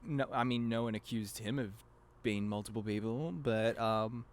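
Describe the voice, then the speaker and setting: A young man who does amateur voice acting chats casually as a podcast guest, his voice fairly low and his pace moderate. He is giggly and self-deprecating.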